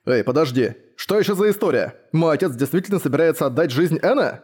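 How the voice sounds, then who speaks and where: A man's voice: a little high, expressive, fast talker, a little mellow, husky. A man voicing a flustered young male adventurer in a fantasy audiobook, asking agitated, pleading questions.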